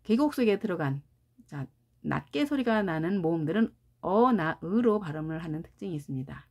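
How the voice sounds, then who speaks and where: In this recorded pronunciation lesson, a Korean-speaking woman carefully explains English sounds and repeats each example word. She has a fairly low, slightly rough, a little mellow voice with lively intonation and a brisk pace.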